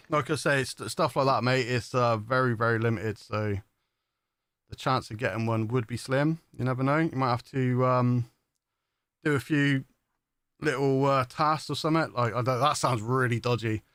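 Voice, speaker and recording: A man's voice: medium pitch, normal speed, a bit bright, clean tone, no room sound. A man hosting a live stream, chatting casually, laughing often and calling his guest mate. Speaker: livestream host.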